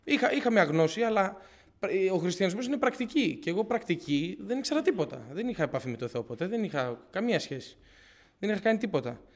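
A young church member shares a personal faith testimony with his congregation in a high-pitched, sing-song voice. Earnest and searching, he circles back, restarts phrases, and keeps retelling his own words.

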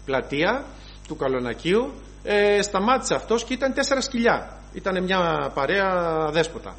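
Man, preacher, high voice, animated storytelling sermon. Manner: storytelling, animated, acts out scenes.

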